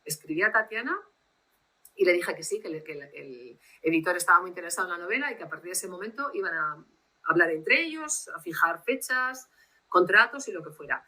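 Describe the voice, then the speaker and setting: A woman translator, telling anecdotes in a lively way and acting out dialogue over a video call. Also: on the low side, a little fast, rough recording. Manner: lively anecdotal storyteller who acts out dialogue. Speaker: literary translator, guest. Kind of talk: casual storytelling interview.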